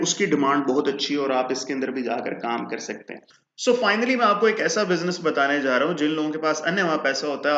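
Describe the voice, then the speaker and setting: A man's voice: a little high, fairly bright tone. A man giving a casual tutorial, chatty, calling listeners brother and slipping into English. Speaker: freelancing tutor and podcast host. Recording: echoey room, dull lo-fi sound.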